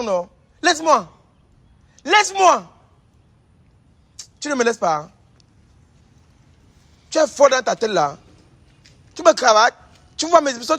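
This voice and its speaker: A man's voice: very high voice, pushed and bright. A man playing a traditional healer who scolds and accuses, repeating his lines over and over. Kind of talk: staged confrontation sketch.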